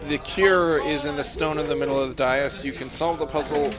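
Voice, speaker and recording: A man's voice: on the high side, fairly even intonation, fairly quick, music in the background. A man narrating a tabletop game as game master, in a hesitant, self-correcting way.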